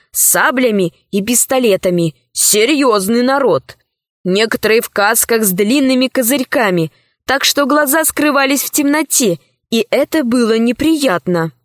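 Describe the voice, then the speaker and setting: Calm woman reading a storybook. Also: fairly high pitch, no echo, clean studio sound. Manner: calm, unhurried, clear reading. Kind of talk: scripted narration of a children's adventure book.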